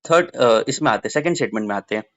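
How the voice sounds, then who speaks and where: A man's voice: mid-range voice, expressive, racing, fairly bright tone. A young man teaching exam science questions, switching between Hindi and English and repeating key points for his students.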